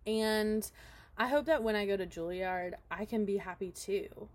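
An earnest teenage girl speaks with hope in her voice, as a woman puts her on while narrating. The pitch sits in the middle, and the lines come across like a quote inside a casual improvised story. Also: measured pace, lightly acted. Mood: hopeful. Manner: earnest, spoken as a quoted aside within narration. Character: hopeful teenage girl planning to confront someone.

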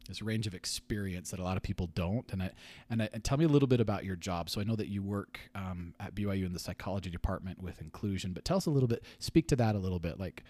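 A man's voice: low voice, fast talker, few pauses, warm tone, no room sound. A man hosting an interview podcast, asking questions in an upbeat, chatty, joking way. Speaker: podcast host. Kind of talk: casual interview.

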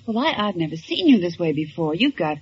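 A woman's voice: very animated, fast, husky, exaggerated voice. An actress playing a persistent, prying female newspaper reporter, in 1940s radio acting. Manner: prying, emphatic, becomes shrill. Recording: dull 1940s radio recording.

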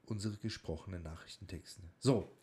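This podcast co-host, who is also taking a speech training class, has a deep, mellow voice and speaks at a normal speed. His talk is loose, joking banter built around a tongue-twister game.

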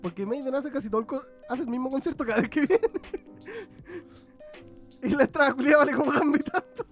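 A man's voice: very high-pitched, quick pace, soft background music. A young Chilean man co-hosting a podcast, chatting crudely and laughing often. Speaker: podcast co-host. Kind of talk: casual chat.

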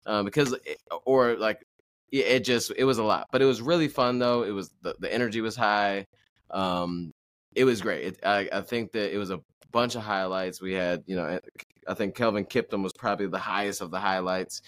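A man's voice: on the low side, moderate pace, fairly bright tone, no room sound. A man hosting a running podcast in casual chat, rambling with lots of fillers and restarts. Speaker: podcast host.

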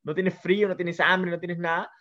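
A man's voice: high-pitched, level tone, moderate pace, bright, forceful tone. Man telling of a hungry, freedom-loving wolf. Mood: pleading, wondering. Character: starving, tired wolf who prizes freedom. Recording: muffled lo-fi sound.

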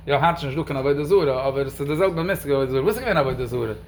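A man's voice: on the high side, racing, a little hiss or hum. A man giving a religious question-and-answer talk, speaking emphatically with sudden raised stresses.

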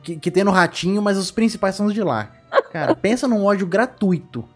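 A man's voice: high-pitched, expressive, brisk, soft background music. A man hosting a casual podcast quiz game, reading clues aloud in a playful, teasing way. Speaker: quiz host.

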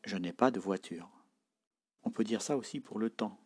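Slow husky guy teaching tones, says each word then repeats it, low voice. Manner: models words and tones in isolation, then repeats them; explains pronunciation patiently. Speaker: Tibetan language teacher. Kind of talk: slow spoken language lesson.

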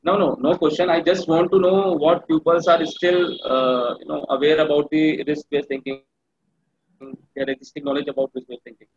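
A man with a North Indian accent, giving an informal online training presentation in a halting, polite way. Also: a little high, fairly even intonation, a little mellow, husky. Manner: halting, polite, addressing participants. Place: online meeting. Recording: muffled, echoey online call audio.

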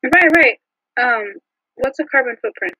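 A woman co-hosting a podcast in a casual, scripted chat with frequent ums, recorded over a low-quality phone line. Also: expressive, unhurried, bright, forceful tone, husky, no room sound. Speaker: podcast co-host. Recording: muffled dry phone-line audio.

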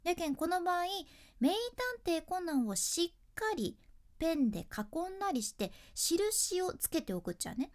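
A woman's voice: very high voice, big pitch swings, normal speed, darkish tone. A young woman with a Fukuoka accent, a freelance announcer giving a casual speaking lesson in chatty explanations with dialect endings. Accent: Fukuoka Japanese.

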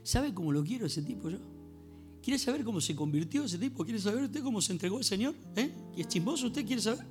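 A male pastor, preaching a sermon in a church with animated storytelling and questions to the congregation. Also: high voice, fast talker, faint music behind. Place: church sanctuary.

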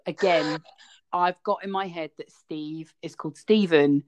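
A man's voice: on the high side, steady tone, unhurried. A man co-hosting a podcast in casual chat, telling stories with a wry, chatty manner. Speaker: podcast co-host.

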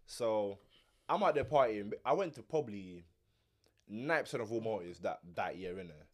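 A man's voice: fairly low pitch, animated, normal speed. A man in his twenties with a London roadman accent and heavy slang, bantering and telling stories insistently, often repeating his words. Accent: London roadman, urban slang-heavy. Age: 20s. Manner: insistent, repeats words, talks over others. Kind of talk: casual banter, storytelling among friends.

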